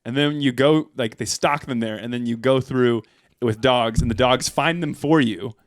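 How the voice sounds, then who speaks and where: A man with an ordinary middle-pitched voice chatting on a podcast. He tells stories in an easygoing, meandering way, trailing off and picking the thread back up. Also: moderate pace, dry recording, clean studio sound. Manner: easygoing, rambling storyteller. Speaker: podcast co-host. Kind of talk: casual chat.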